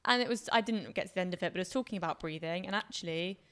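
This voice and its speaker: A woman's voice: lowish voice, racing, fairly bright tone, smooth. A woman co-hosting a podcast, talking casually and unscripted with chatty, teasing banter. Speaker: podcast co-host.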